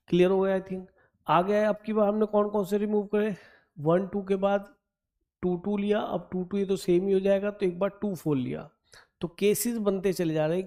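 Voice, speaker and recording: High-voiced, mellow maths teacher. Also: male voice. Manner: coaxing, addresses students as beta, thinks aloud while counting. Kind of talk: explaining exam problem on a board.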